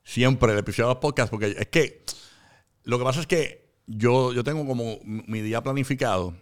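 A man's voice: mid-range voice, moderate pace. Rambling radio man. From Puerto Rico. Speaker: radio host, guest. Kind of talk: casual interview.

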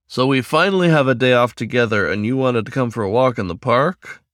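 A man voicing a confident, teasing male tiger who speaks in a low, slow purr. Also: a bit bright, no echo, studio quality, natural voice.

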